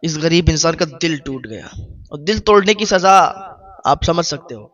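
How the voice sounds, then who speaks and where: A man tells a heartfelt moral story in a voice that sits high for a man. He circles back to phrases again and again and breaks off to lecture the listener directly. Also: animated, fairly bright tone, lo-fi sound. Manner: repetitive, preachy asides to the listener.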